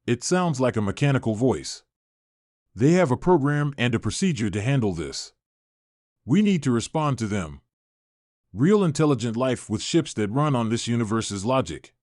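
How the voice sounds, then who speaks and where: Casting: excitable female scientist, eager and rushed, dry close read, man voices her. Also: medium pitch, dry recording, lightly acted. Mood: excited. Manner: eager, rushing and pleading. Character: excitable woman scientist on a stranded ship.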